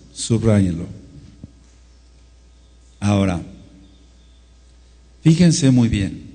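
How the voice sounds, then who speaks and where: A male preacher leads a scripture study in an emphatic, drawn-out way and breaks off often to address his listeners. His voice is mellow and slightly husky. It rings with the long reverb of a large hall. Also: fairly low pitch. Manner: emphatic, drawn-out teaching with frequent asides. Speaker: teacher of a Torah study. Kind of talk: Bible study sermon.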